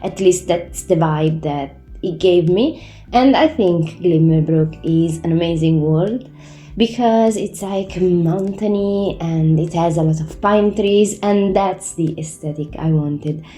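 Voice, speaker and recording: A native Italian-speaking woman who builds in the Sims hosts her own channel, chatting casually from a room at home on a new microphone. Congested from a cold, her voice is fairly low, slow and dark, and she's chatty and self-correcting. The sound is roomy, with faint music behind.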